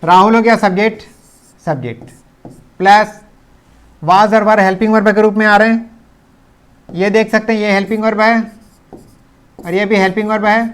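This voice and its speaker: Male grammar teacher, fairly high voice, patient and repetitive, switches between speech and English examples. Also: steady tone, fairly bright tone, smooth. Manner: explains patiently, repeats example sentences slowly; mixes English sentences into his speech. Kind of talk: classroom-style video lesson.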